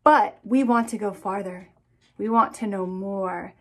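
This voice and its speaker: In a small indoor room lined with bookshelves, a children's author in her thirties reads picture books aloud expressively and speaks directly to young listeners. Her mid-range voice is a little slow, with slight background noise.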